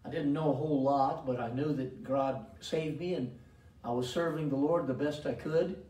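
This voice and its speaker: A man's voice: mid-range voice, fairly even intonation, moderate pace, warm tone. An older man preaching a sermon as pastor, with emphatic delivery and repeated calls to the congregation. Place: church sanctuary. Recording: roomy echo from a distant mic.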